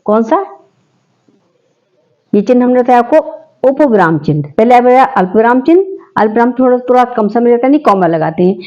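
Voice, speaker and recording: A woman's voice: fairly high pitch, animated, a little fast, pauses often, warm tone, highs cut off. A woman teaching a grammar lesson, explaining step by step and answering her own questions.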